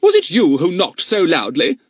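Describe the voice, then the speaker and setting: A man voicing a stern, forbidding upper-class mother in an audiobook, speaking high and commanding. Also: wildly swooping pitch, normal speed, slightly rough, no room sound, studio quality, exaggerated voice. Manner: sharp, commanding, raised voice. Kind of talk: audiobook character voice.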